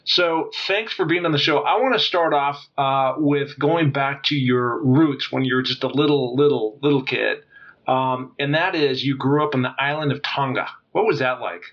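A man hosting a podcast interview, energetic and casual, often restarting his sentences. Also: mid-range voice, normal speed, lo-fi sound. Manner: energetic, with many restarts and fillers. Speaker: podcast host and former football player. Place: home base in Idaho.

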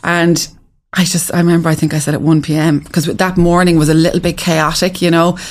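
A woman's voice: fairly low pitch, flat delivery, fairly quick. A woman from the west of Ireland, with that region's accent, tells her story as an interview guest in a casual, emphatic way, often repeating phrases. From west of Ireland (Galway). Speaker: interview guest, restaurant founder.

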